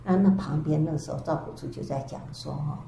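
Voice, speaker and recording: An older woman, a Buddhist nun, giving a storytelling dharma lecture with drawn-out sentence particles. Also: deep voice, vocal fry. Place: temple lecture hall. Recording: echoey hall with faint background hiss.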